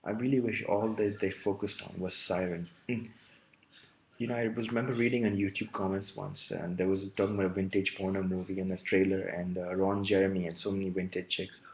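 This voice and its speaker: Gravelly man rambling on a lo-fi recording. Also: low-pitched, flat delivery, brisk. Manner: meandering, jumping between topics. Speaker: vlogger. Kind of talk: rambling solo monologue. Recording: muffled lo-fi with faint hiss.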